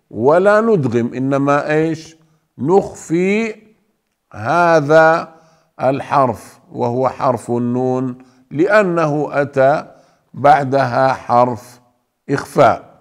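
A man teaching Quran recitation rules, speaking slowly and deliberately, drawing out the example words and repeating his points to his listeners. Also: on the high side. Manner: addresses listeners fondly as beloved ones. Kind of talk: slow tajweed lesson with recited examples.

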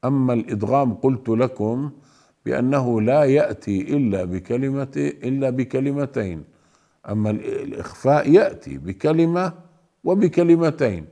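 A man teaching Quran recitation rules, speaking slowly and deliberately, drawing out the example words and repeating his points to his listeners. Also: medium pitch, lively intonation, dark tone. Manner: addresses listeners fondly as beloved ones. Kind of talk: slow tajweed lesson with recited examples.

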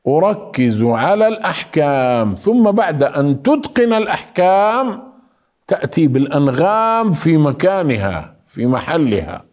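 A man teaching Quran recitation rules, explaining slowly and calling his listeners beloved ones. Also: on the high side, big pitch swings, a little mellow. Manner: explains slowly, then chants verses in a drawn-out melody. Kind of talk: recitation lesson with chanted examples.

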